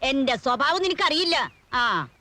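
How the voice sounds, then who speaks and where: A bossy old grandmother who owns the house and bosses everyone around. Her voice sits high and bright, and she barks orders and scolds with commanding force. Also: sing-song, unhurried, heavily acted. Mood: indignant. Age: older. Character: older grandmother landlady, fiery and bossy. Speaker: actor. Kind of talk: film acting.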